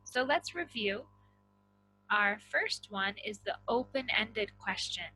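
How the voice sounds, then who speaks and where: Woman, English teacher, slow deliberate delivery, repeats words, bright tone. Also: on the high side, expressive, slight background noise, low-quality recording. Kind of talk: vocabulary and intonation lesson.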